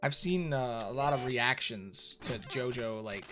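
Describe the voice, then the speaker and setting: A man's voice: medium pitch, unhurried, background noise. A man doing casual, sweary, joking commentary as he streams a video game. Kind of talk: casual gaming commentary and chat. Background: music, clearly heard.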